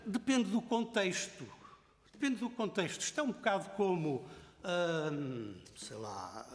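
Indignant older Portuguese professor, high lively voice. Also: male voice, in a large hall. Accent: European Portuguese. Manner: indignant, emphatic, lecturing with examples. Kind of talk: impassioned public speech.

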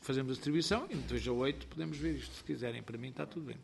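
A man's voice: medium pitch, gravelly, noisy background. A man with a European Portuguese accent chairing a parliamentary committee in a formal, procedural way. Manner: formal, procedural, reads rules aloud haltingly.

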